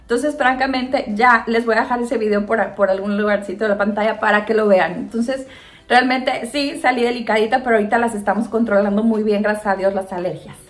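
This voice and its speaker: A Mexican woman answering viewer questions in a casual chat to camera, animated and laughing often. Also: a little high, fairly quick. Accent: Mexican Spanish. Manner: chatty and animated, acts out voices in quotes.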